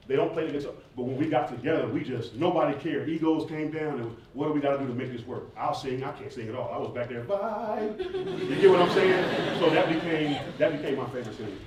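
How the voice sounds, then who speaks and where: Before an audience in an echoey indoor venue, a fast-talking man with a slightly high voice takes questions and tells animated, joking stories in a loose, informal style. He has a southern US accent, and a crowd can be heard behind him. A far-off mic and background noise color the sound.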